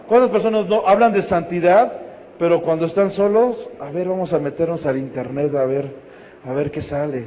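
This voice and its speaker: A man's voice: high-pitched, darkish tone, big-room sound. A man with a Mexican Spanish accent preaching a sermon as pastor, putting questions to the congregation and answering them himself. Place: church hall.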